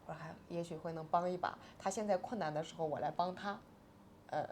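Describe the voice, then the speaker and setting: A woman's voice: a little fast, darkish tone, slight background noise. Woman telling her story, emotion swinging. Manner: tearful, agitated retelling with pitch swings. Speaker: interview guest.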